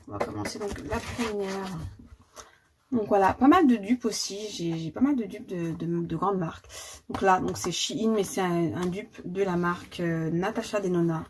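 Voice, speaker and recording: A woman's voice: mid-range voice, fairly even intonation, normal speed. A woman, casually showing her makeup collection in a vlog, chatty and full of fillers and repeated words. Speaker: beauty vlogger. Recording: noticeable background noise.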